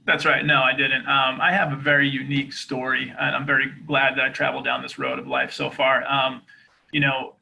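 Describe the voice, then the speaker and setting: Man from Boston, softened Boston accent, earnest storyteller, gravelly, very bright tone; podcast host in his 30s. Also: mid-range voice, little pitch movement, fairly quick, poor audio. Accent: Boston, softened by years in Georgia. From East Boston, Massachusetts. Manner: earnest, open, many fillers. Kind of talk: candid conversational interview.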